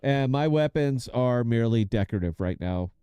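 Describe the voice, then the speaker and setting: A man's voice: mid-range voice, lively intonation, normal speed, dark tone, clean tone, no echo. A man, chatting casually to viewers while he plays a game. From United States. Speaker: game streamer. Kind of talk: casual gameplay commentary.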